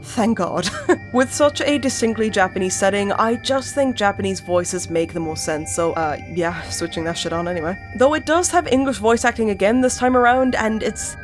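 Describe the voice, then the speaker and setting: Chatty woman hosting a game video essay. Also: mid-range voice. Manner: chatty, swears, laughs often. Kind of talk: casual game commentary.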